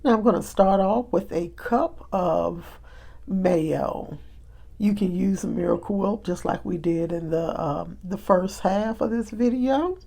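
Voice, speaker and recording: Slow-talking woman with a gravelly voice. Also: medium pitch, dark tone. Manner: chatty, homey, with frequent fillers. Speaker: cooking vlogger. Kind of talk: casual recipe demonstration.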